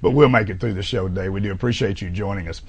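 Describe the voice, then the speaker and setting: Hoarse, gravelly low-voiced man hosting. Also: a little mellow. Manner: halting, many fillers and restarts. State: hoarse from allergies. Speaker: TV talk show host. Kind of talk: casual interview.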